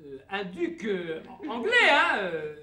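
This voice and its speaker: A man's voice: high voice, huge pitch swings, slow pace, bright, forceful tone, exaggerated voice. An actor playing a flustered man stammering through a cover story, in a hammy live stage farce. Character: flustered male schemer improvising a cover story. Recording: roomy stage recording, audience laughter.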